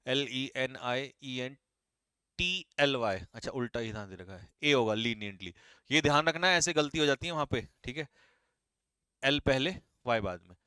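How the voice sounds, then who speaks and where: A man teaching English vocabulary for exam prep, quizzing students briskly and teasing them. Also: medium pitch, pushed and bright, clear, resonant tone, no echo, clean studio sound. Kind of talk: live online exam-prep class.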